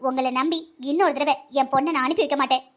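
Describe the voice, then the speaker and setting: A woman voicing a sharp-tongued middle-aged mother in a cartoon family drama, scolding quickly and insistently as she protects her daughter. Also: sits high, steady tone, natural voice. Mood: stern. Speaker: voice actor.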